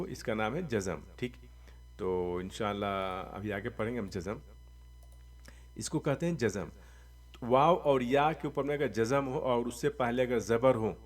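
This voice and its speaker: A man teaching Quran reading, spelling out letters and vowel marks slowly and drawing them out, with quick explanations in between. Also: medium pitch, far from the mic. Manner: slow drawn-out recitation of letters, quick asides. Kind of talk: spelling out syllables in a lesson.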